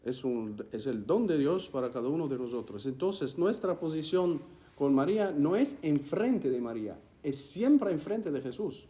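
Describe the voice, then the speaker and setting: A man giving an emphatic teaching talk to a group, animated and repeating key words. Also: fairly high pitch, moderate pace. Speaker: speaker teaching on faith. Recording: roomy hall, distant mic, faint hum.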